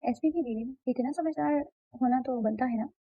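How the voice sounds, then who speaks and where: A woman voicing a shy young wife who pleads softly and pouts, read out from a romance novel. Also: high-pitched, normal speed, no room sound. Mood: pleading, shy. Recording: dull, slightly muffled dry recording.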